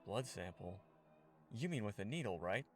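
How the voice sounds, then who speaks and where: A man's voice: lowish voice, lively intonation, moderate pace, faint music behind. An actor playing a reluctant, uneasy male survivor in a video game, hesitant and grudging.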